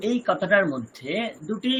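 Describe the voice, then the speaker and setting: Over a video call, a Sanskrit teacher with a Kolkata Bengali accent gives an online lesson, slowly reciting terms one at a time and quizzing the class. The mid-range voice has a sing-song lilt, and the rough recording picks up crowd noise.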